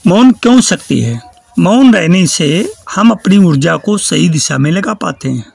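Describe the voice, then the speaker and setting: A man teaching as a spiritual guide, giving a measured, preaching talk and reciting verse in a steady cadence. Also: high-pitched, gravelly, slightly rough. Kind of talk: spiritual discourse.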